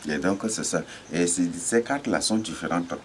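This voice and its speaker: A man gives an informal Bible teaching, repeating himself, pausing, and spelling words out letter by letter. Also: low-pitched, a little hiss or hum. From Chad. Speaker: religious teacher.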